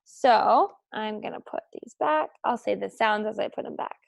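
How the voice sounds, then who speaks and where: This young woman teacher has a medium-pitched, gravelly voice. Leading little children in phonics, she keeps a slow, sing-song pace and encourages them with frequent praise.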